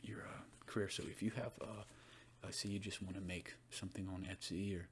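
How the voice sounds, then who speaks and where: A man doing a soft-spoken, ASMR role-play as a librarian, chatting about books in a rambling, informal ASMR style. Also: deep voice, flat delivery, brisk, a little hiss or hum. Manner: rambling, informal, conversational book commentary. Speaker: ASMR performer playing a librarian.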